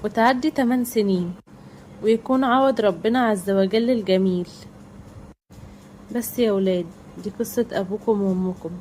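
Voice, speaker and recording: Egyptian woman storyteller for scripted narration; brisk, dark mellow tone. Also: mid-range voice, a little hiss or hum.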